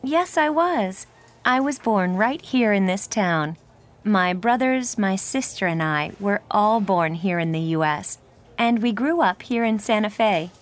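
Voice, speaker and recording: A woman's voice: medium pitch, animated, a little slow, lightly acted. Woman doing a chatty cheerful young woman, textbook dialogue style. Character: young woman, cheerful, talking about her hometown.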